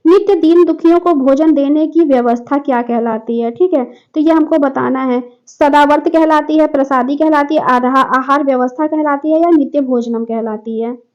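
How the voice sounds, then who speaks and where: High-pitched woman going through exam answers step by step, dull lo-fi sound. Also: normal speed. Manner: explains step by step, often adds "ठीक है". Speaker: teacher. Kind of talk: exam paper walkthrough.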